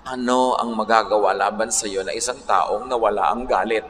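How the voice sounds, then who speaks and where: A man with a Filipino accent preaching a sermon as a pastor, swinging between sudden loud rises and soft drops and acting out quoted people. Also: on the low side, steady tone, normal speed, a little hiss or hum. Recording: echoey hall with long reverb.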